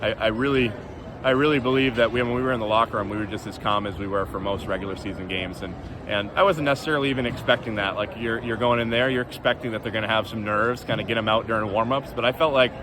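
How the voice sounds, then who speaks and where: A man's voice: lowish voice, fairly even intonation, quick pace, background noise. A man speaking as a basketball coach in a casual, earnest postgame interview.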